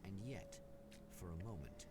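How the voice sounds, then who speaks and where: Casting: grave noir detective-style game narrator, low and portentous, wide melodic swings, noisy stream audio. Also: male voice, animated, unhurried. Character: grave mysterious male narrator of a noir thriller.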